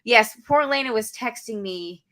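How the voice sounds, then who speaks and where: A woman co-hosting a casual podcast, chatting animatedly about a TV episode and acting out what people said. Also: moderate pace. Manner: animated, acts out quotes with big pitch jumps. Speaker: podcast co-host. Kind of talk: casual recap chat.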